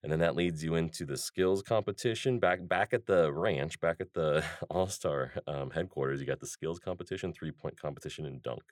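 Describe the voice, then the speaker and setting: A man's voice: extremely low pitch, moderate pace, hardly any pauses, no room sound, studio quality. A man hosting a podcast, talking through his ideas in a loose, rambling monologue full of fillers and restarts. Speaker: podcast host.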